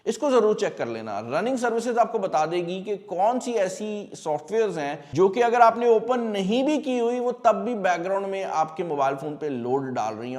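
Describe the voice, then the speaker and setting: A man's voice: a little high, a little mellow. A man, hosting a casual tech video and talking viewers through tips with everyday examples. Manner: chatty, addresses viewers directly, explains with everyday examples. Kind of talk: casual explainer talk. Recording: long hall reverb.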